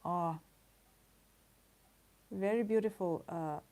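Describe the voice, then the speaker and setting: Drawing on a livestream, this woman chats easily with her audience, wandering into playful tangents, laughing a lot, and mock-indignantly teasing her chat. She speaks slowly in a warm, low-leaning voice.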